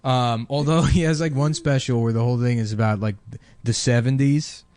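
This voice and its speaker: A man co-hosting a casual comedy chat, swearing freely and breaking into high mocking impressions. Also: steady tone, brisk, a little mellow, no room sound. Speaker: podcast co-host.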